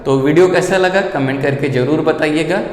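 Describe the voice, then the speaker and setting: A man's voice: on the high side, normal speed. A male teacher explaining grammar, repeating each point and checking understanding with questions. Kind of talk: Hindi grammar lesson. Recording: echoey room with long reverb.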